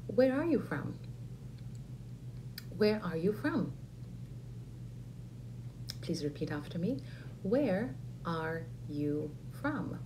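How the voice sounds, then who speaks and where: A woman teaching an English lesson, saying model phrases slowly and clearly for learners to repeat. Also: deep voice, background noise. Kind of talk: ESL lesson with repeat-after-me drills.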